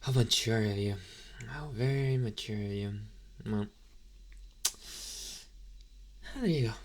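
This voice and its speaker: A man voices a young demon, green and drowsy, in ASMR roleplay, addressing the listener casually with halting, deadpan remarks and a touch of snark. His natural voice is fairly low, and he sounds casual and bargaining.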